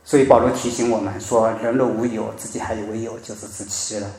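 A man preaching a sermon, telling a story with emphatic rises and soft drops in his voice. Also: fairly low pitch, steady tone, fast. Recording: very echoey room.

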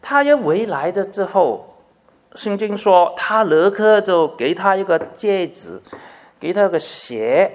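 A man preaching a sermon in an animated way. He swings between loud emphasis and hushed asides, asks his listeners many questions, and drops English words into his speech. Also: high voice, slow pace. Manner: asks the audience frequent rhetorical questions. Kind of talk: sermon to a congregation.

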